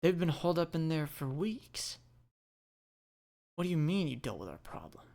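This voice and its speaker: A man's voice: a little high, sing-song, normal speed, vocal fry, a little mellow. A man playing a sullen, angry male rival fighter in a tabletop game. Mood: incredulous.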